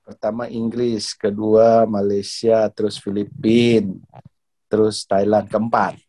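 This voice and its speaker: A middle-aged man from Indonesia, a badminton coach, telling stories in a relaxed interview, laughing often and repeating words as he searches for them. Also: on the low side, slow pace. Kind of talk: casual interview storytelling.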